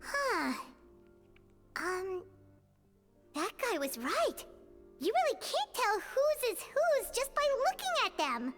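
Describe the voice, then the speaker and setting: A woman voicing a tiny, excitable and blunt floating fairy companion in a video game, with a squeaky childlike voice. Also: takes it slowly, long pauses, exaggerated voice. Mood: puzzled. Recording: reverberant game audio with music behind.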